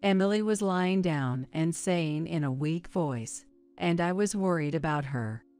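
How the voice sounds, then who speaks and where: A woman narrating a story in a measured, even way. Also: lowish voice, clean tone, soft background music.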